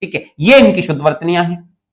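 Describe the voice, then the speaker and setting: Man, young adult, grammar teacher, high voice, repeats key points, asks students questions. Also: animated, fast talker. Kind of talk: online exam-prep lesson.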